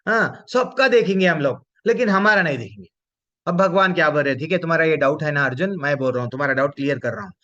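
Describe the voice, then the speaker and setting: A man's voice: fairly high pitch, animated, fast, sharp tone. A man teaching a devotional scripture class, posing rhetorical questions and reciting Sanskrit verses. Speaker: Bhagavad Gita teacher. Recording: dull lo-fi recording.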